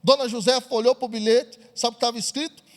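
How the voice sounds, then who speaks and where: A man's voice: extremely high pitch, steady tone, quick pace, long reverb tail. A man preaching a sermon, telling a story and putting questions to the audience. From Brazil.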